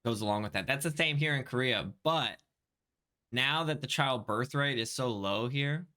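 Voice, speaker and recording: A man with a medium-pitched, pushed and bright voice co-hosts a podcast at a moderate pace. He lives in Korea and keeps the chat casual, laughing often and trailing off into restarts.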